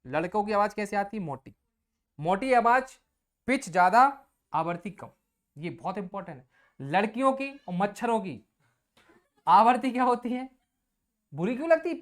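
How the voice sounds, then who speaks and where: A woman's voice: on the high side, lively intonation, moderate pace, long pauses. A woman teacher giving an exam coaching lecture, casually explaining with everyday examples and asking the class questions she answers herself.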